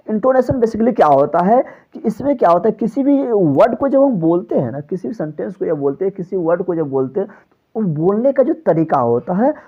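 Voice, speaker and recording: Man teaching in a lo-fi lecture. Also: mellow. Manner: repetitive, asks and answers his own questions; drops pitch on closing phrases. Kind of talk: exam-prep lecture. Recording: slightly dull, lo-fi recording.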